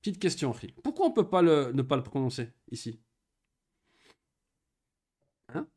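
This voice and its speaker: A man tutors one student in Arabic grammar with a mid-range, darkish voice that swings widely in pitch. He is patient, goes step by step, says Arabic words slowly, and often confirms the student follows.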